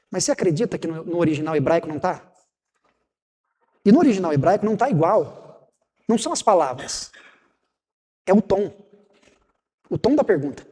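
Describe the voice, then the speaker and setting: A Brazilian pastor preaches in a high, mellow voice, talking to his congregation and acting out the dialogue between God and Elijah. His voice rings with the long reverb of a church sanctuary. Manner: conversational preaching, rhetorical questions, acts out God's and Elijah's words. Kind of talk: sermon.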